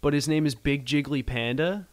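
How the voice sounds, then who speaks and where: A man's voice: on the high side, moderate pace. A man in casual chat, telling stories in a rambling way with lots of fillers. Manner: rambling storyteller with many fillers.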